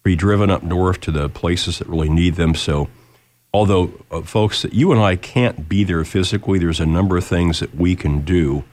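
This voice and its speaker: A very low-voiced American man hosts a casual radio program. He sounds nasal, still recovering from a lost voice, and talks in a halting, folksy way. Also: a little mellow, no echo. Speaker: radio show host. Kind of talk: casual live radio talk.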